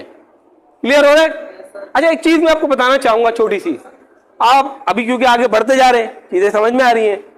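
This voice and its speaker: Very high-voiced man teaching a grammar class. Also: fairly bright tone, low-quality recording. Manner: keeps checking if the class follows; slows down to spell out example words. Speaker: English teacher.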